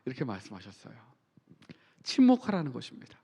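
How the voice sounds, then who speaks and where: A male pastor preaching a sermon, reading scripture aloud with earnest emphasis and pauses. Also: medium pitch, huge pitch swings, warm tone, slightly rough, big-room sound. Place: church sanctuary.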